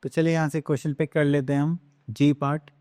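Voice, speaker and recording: A man's voice: fairly high pitch, level tone, a little fast, darkish tone, no echo. Man teaching fractions in a dry close room. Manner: asks questions then answers them himself; mixes English math terms into explanations. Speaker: math teacher. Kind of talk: classroom math lesson.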